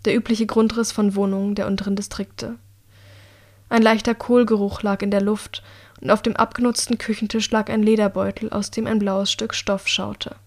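A woman's voice: mid-range voice, little pitch movement, normal speed. Woman narrating an audiobook.

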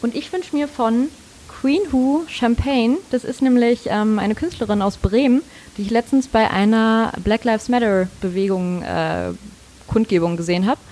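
A woman's voice: fairly high pitch, moderate pace, mellow. A woman co-hosting a podcast who talks earnestly and reflectively in a casual chat. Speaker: podcast co-host.

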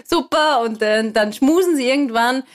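A woman's voice: sits high, moderate pace. A woman with an Austrian accent, a regular on a radio show, chatting in the studio and telling a joke with frequent laughs and a nervous, talkative manner.

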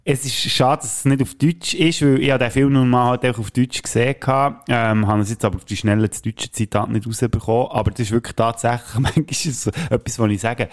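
A mid-pitched man co-hosts a casual podcast. He retells film scenes with animated quotes and frequent laughter. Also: brisk, few pauses. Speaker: podcast co-host. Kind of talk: casual chat.

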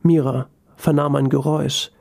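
Gravelly man reading a story. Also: on the high side, little pitch movement, moderate pace, a little mellow. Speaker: narrator. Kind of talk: scripted story narration.

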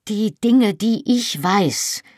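A woman's voice: mid-range voice, lively intonation, very slow, darkish tone, dry recording, clean studio sound. A woman reading a first-person novel aloud as an audiobook, with an emotional, dramatic delivery. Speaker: audiobook narrator.

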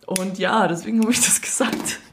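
A woman's voice: mid-range voice, fairly even intonation, moderate pace, slight background noise. A woman from Swabia with a Swabian accent, co-hosting a podcast in casual chat, laughing often and acting out what others said. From Swabia, Germany. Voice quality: chatty, laughs often, acts out quotes. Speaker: podcast co-host.

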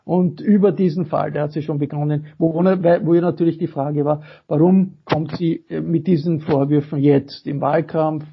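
A man speaking as a guest in a political interview, halting, with many fillers and restarts. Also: on the high side, steady tone, gravelly, slightly rough. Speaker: guest journalist. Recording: dull lo-fi audio.

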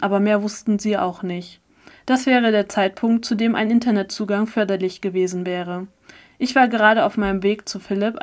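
A woman narrating a first-person story aloud in a steady, expressive reading. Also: medium pitch. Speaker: audiobook narrator.

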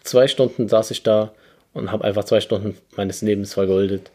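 A young man co-hosting a podcast, chatting in a relaxed way. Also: on the low side, normal speed, slight background noise. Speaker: podcast co-host. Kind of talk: casual chat.

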